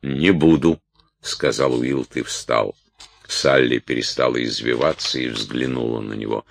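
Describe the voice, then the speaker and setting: A man reading an audiobook in a measured, even storytelling manner. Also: extremely low pitch, vocal fry. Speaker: audiobook narrator.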